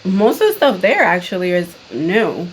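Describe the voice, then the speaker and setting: A woman's voice: fairly low pitch, sing-song, moderate pace, a little hiss or hum, low-quality recording. A woman hosting a casual beauty vlog at home, chatty and playful. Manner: chatty, quotes relatives in playful voices. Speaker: beauty vlogger host. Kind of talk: casual chat.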